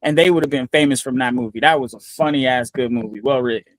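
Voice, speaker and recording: A man's voice: mid-range voice, quick pace, dry recording. A man on a casual panel show making wry, teasing remarks. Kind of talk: casual banter.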